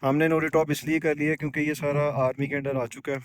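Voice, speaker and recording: A man's voice: fairly high pitch, level tone, quick pace. A man chatting informally to a camera outdoors on a mountain pass, repeating phrases for emphasis. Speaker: travel companion. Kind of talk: casual outdoor chat to camera.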